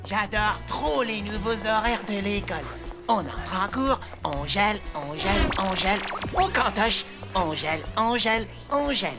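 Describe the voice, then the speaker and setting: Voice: mid-range voice, lively intonation, a little slow, over music. An actor in a French cartoon dub playing Gus, a cheeky, lazy, scheming schoolboy with a slangy, exaggerated delivery. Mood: sly, smug.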